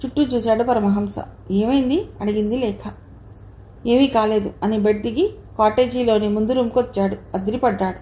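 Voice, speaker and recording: A woman narrating a horror audio novel in an even storytelling read, recorded in an echoey room. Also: medium pitch, fairly quick.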